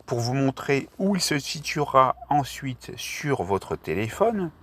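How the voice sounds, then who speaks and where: A man's voice: mid-range voice, sing-song, takes it slowly, fairly bright tone. A man presenting an app, narrating a step-by-step screen tutorial.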